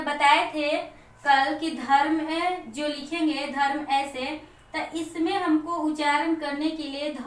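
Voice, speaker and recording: A woman teacher giving a patient classroom lesson. She asks questions and then answers them herself. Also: high-pitched. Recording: echoey room, voice from far off the mic.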